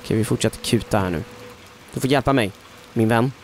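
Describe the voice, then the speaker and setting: A man giving chatty let's-play commentary on a horror game, filling silences with talk and switching between hushed whispers and loud yelps. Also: mid-range voice, a little hiss or hum. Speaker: gaming YouTuber.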